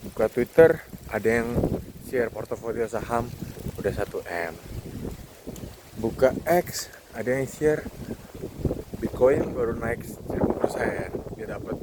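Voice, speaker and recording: A thirty-year-old man with a mid-range voice talks to himself casually and reflectively as a podcast host, vlogging a walking monologue across a campus football field. He speaks at a measured pace with long pauses, and the noisy outdoor ambience is clearly audible behind him.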